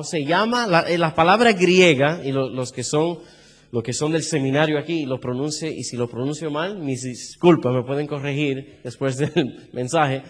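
Caribbean-accented preacher with lively delivery. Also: male voice, on the high side, in a large hall. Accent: Caribbean Spanish. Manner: quizzes the congregation with questions. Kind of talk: sermon.

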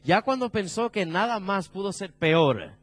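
A male preacher delivering a sermon with a lively, swinging pitch, higher than most men. He asks his listeners questions and sinks to a low voice for the heavy points. The sound is dry and close. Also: measured pace, dry recording. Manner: animated, asks the congregation questions, drops low for emphasis.

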